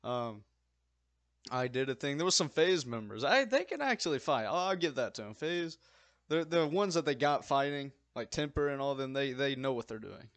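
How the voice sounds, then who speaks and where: A man's voice: mid-range voice, lively intonation, normal speed, fairly bright tone, dry recording. A young man co-hosting a casual podcast, speaking hesitantly with many fillers and laughing often. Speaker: podcast co-host. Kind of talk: casual chat.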